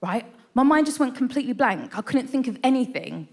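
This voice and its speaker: Her voice is high, animated, fairly quick, and a little mellow. She's a stand-up comedian in her thirties working a live theatre audience, chatty and poking fun at herself, with frequent "right?" asides.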